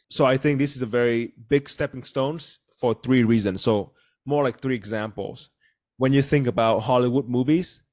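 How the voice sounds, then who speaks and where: A man in his thirties whose first language is Vietnamese hosts a casual podcast over a video call. His voice is medium-pitched and a little mellow, and he explains points earnestly, saying "you know" a lot.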